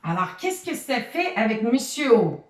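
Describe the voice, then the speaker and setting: Woman presenting a kids' reading lesson; high, bouncy voice, unhurried, in an echoey room. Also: big pitch swings, a little mellow. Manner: sing-song, sounding out letters and syllables slowly. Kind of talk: reading lesson addressed to a child.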